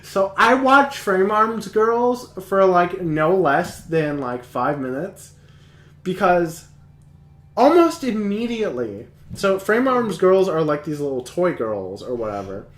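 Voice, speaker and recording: A man's voice: high voice, very animated, takes it slowly. A man hosting a live model-building stream, chatting casually, rambling and giggling. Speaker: streamer and host. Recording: echoey room.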